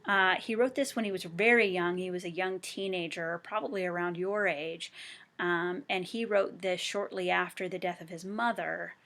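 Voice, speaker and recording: A woman teacher explaining poetic forms to students, reading poems aloud slowly and carefully. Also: lowish voice, fairly even intonation, fairly bright tone. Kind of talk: recorded online poetry lesson.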